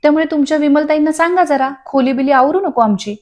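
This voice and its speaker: Woman putting on a chatty middle-aged housewife, breezy and carefree, pitched up high, quick soap-recap voice. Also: darkish tone, lightly acted.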